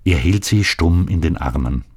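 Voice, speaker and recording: A man narrating a story in a measured, solemn audiobook style. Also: deep voice, animated, darkish tone, slightly rough.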